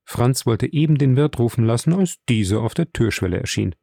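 A man narrating a classic novel as an audiobook, measured and even. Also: medium pitch, creaky, no echo.

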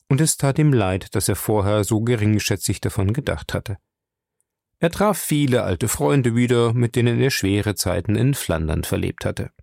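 A man narrating an audiobook in a steady storytelling manner. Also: fairly low pitch, gravelly, no echo, studio quality. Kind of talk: scripted narration.

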